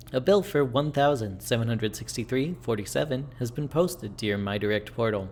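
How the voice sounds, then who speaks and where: A man's voice: mid-range voice, creaky, a little mellow, a little hiss or hum, natural voice. A man voicing an impersonal automated medical billing system in a game, formally reciting notices.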